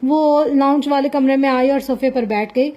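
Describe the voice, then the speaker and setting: A woman's voice: high-pitched, lo-fi sound. A woman narrating a novel in a dramatic reading. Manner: dramatic, even-paced reading. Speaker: novel reader.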